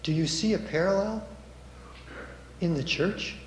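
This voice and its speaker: A man preaching a sermon and reading scripture aloud, with a measured, emphatic delivery and dramatic rises. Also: sits high, roomy sound, slight background noise.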